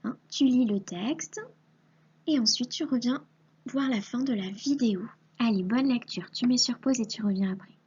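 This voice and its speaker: In this recorded reading lesson, a woman with a breathy, rather high voice works patiently with a young child on syllables and letters at a moderate pace. She often drops to a soft half-whisper, and the highs in the recording are cut off.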